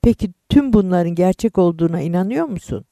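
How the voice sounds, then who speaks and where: A man voicing a lively, curious woman in her fifties, an old school friend who exclaims and teases. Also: high-pitched, brisk, creaky, no room sound, studio quality. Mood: amazed, teasing.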